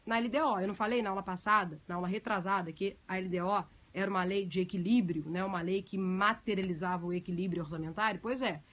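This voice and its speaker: A woman's voice: medium pitch, steady tone, quick pace, few pauses, lo-fi sound. A woman teaching a class on a live stream, explaining at length and chatting with viewers between points, with many fillers. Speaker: teacher of budget law. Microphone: phone.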